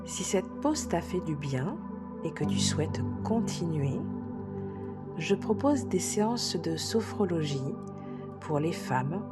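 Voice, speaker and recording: A woman sophrologist leading a guided relaxation session, speaking softly and soothingly, sometimes dropping to a whisper. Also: on the low side, expressive. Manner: soft, slow, soothing guidance, drops to a whisper at times. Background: soft background music.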